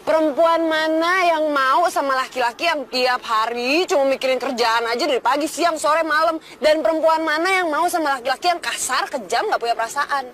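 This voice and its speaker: A woman's voice: high voice, fairly quick, few pauses, a bit bright, a little hiss or hum. An actress playing a cheeky, outspoken young working-class woman in a TV drama, blunt and chatty. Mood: reproachful. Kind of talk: TV film drama acting.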